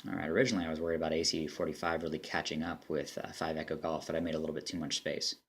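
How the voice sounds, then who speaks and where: Deep voiced guy playing air traffic controller, talks real quick. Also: little pitch movement, slightly rough. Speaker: air traffic controller player and demo narrator. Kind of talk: clipped radio phraseology with casual commentary.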